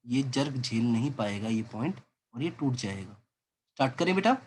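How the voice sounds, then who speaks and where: A man's voice: medium pitch, animated, normal speed, slight background noise. A man teaching physics in a lecture, coaxing students along and voicing their doubts as questions. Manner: coaxing, voices student doubts, calls listener beta. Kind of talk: classroom lecture.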